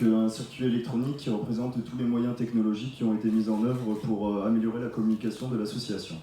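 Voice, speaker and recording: A man's voice: mid-range voice, mellow, slight background noise. Young French man presenting with many fillers. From France. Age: 20s. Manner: many fillers and restarts, explanatory. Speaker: student project leader. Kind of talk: student presentation on stage. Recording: echoey room from far off.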